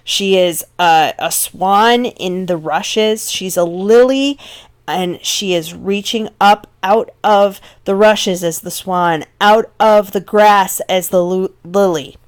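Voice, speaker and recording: A woman's voice: medium pitch, slow pace, clear, resonant tone. A woman teaching literature in a recorded lecture, talking conversationally and often checking in with her listeners.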